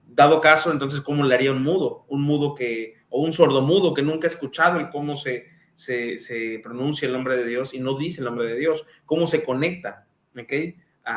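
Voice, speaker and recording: A man's voice: mid-range voice, a bit bright. Man, live-stream host, mid-range voice, casual and filler-heavy, roomy echo. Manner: conversational, reads out comments, lots of fillers. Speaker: live-stream host answering viewer questions.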